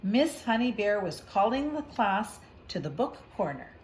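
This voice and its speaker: A woman with a medium-pitched voice and big pitch swings reads a picture book a bit slowly, with a little hiss or hum in the audio. She speaks conversationally as a storybook reader, explaining to a young child and asking gentle questions.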